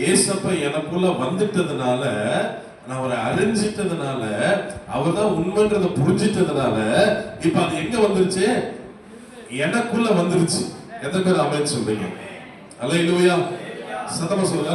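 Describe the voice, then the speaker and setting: A man preaching a baptism sermon, asking rhetorical questions and urging the congregation to answer aloud. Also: a little high. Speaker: pastor. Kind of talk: call-and-response baptism sermon. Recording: very echoey hall, voice from a distance, faint noise.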